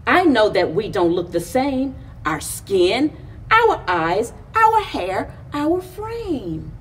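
A middle-aged female storyteller with a husky, slightly high voice and very lively intonation gives an expressive picture-book read-aloud for kids at library story time. She phrases deliberately and animatedly, pausing between short lines, in front of a library chalkboard wall indoors. The distant camera mic adds a little hiss or hum.

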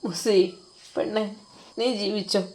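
A woman with a Malabar Malayalam accent voicing a grieving young husband who speaks softly and tearfully. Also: fairly even intonation, slow pace, close to an everyday voice. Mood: resigned. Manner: soft, tearful, low murmuring. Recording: roomy echo.

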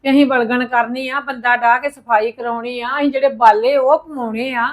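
A woman's voice: on the high side, fairly even intonation, moderate pace, close to an everyday voice. Woman playing an indignant, hurt sister. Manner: indignant, scolding. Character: proud, easily hurt woman attached to her village. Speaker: sister Davinder, mother of the house. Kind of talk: home-made family drama acting.

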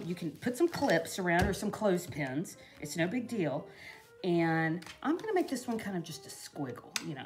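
Chatty woman, lively rambling voice. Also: mid-range voice. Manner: rambling and chatty, full of "you know". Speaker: craft vlogger. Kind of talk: casual crafting demo talk. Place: indoors at a craft table in a home.

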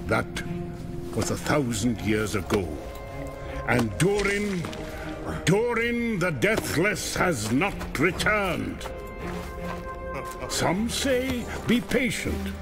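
A gravelly dwarf lord speaks with great, sweeping rises and falls in a game trailer. His words come very slowly and with weight. Music plays behind him. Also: on the high side, wildly swooping pitch, exaggerated voice. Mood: rousing. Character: solemn male dwarf leader rallying his people.

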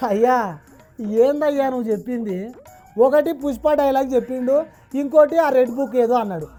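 A woman's voice: sits high, normal speed, dark tone, faint music behind. Teasing woman host with a Telangana accent. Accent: Telangana Telugu. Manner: teasing, dialect-heavy banter, dramatic line delivery. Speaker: comic interviewer host. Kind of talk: comic satirical interview.

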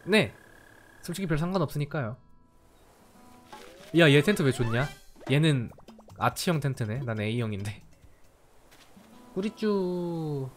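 Playful let's-play streamer, very expressive delivery, jokey and teasing, faint music bed. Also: mid-range voice, a little slow, pauses often. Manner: playful, teasing, swears jokingly, gushes over cute things. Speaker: game streamer. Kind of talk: casual let's-play chat.

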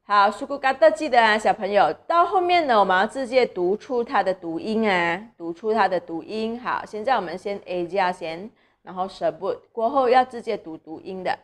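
A young woman teaches small children to read, sounding out syllables slowly. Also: mid-range voice, expressive. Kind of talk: children's reading lesson.

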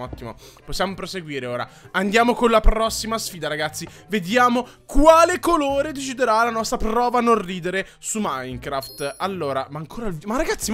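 A man hosts a gaming video with a high, bright voice that swings widely. His commentary is exclamatory and mock-exasperated, addressed straight to his viewers. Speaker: gaming YouTuber host. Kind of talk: lively game commentary to viewers.

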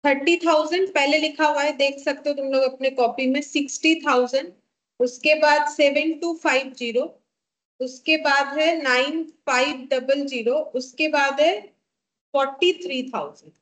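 A high-pitched Indian woman teaches a class step by step. She dictates numbers slowly and repeats them, posing questions and then answering them herself. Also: fairly even intonation. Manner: slow, repetitive dictation of figures, asking and answering her own questions.

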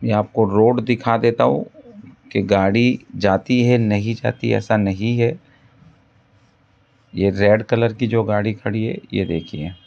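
Man pitching land in a voice-over. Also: fairly even intonation, unhurried, vocal fry, darkish tone, muffled recording. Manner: pitchy, repetitive salesman patter. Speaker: land broker. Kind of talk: property sales voice-over. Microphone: voice-over over drone footage.

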